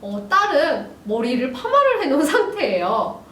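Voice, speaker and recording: A woman teacher giving a recorded lesson to young students, talking gently and addressing them directly. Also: high-pitched, very animated, normal speed. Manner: gentle, addresses students warmly, frequent "ja" fillers. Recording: roomy, distant mic, faint hiss.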